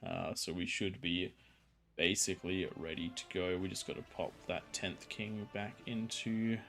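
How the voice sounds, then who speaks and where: A man with a fairly low voice hosts a game livestream. He explains and chats casually, often stopping to rephrase. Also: fairly even intonation, a little slow, gravelly, fairly bright tone, soft background music. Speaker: stream host, commentator.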